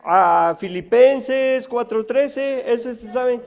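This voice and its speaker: A man giving a math lecture to students, asking the room questions and counting numbers out slowly. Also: very high-pitched, creaky, darkish tone. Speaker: math teacher giving a conference talk.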